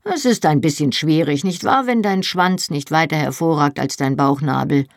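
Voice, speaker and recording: A reader playing a dry, joking grown man, an uncle with a deep voice, in an audiobook. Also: normal speed, dry recording, natural voice.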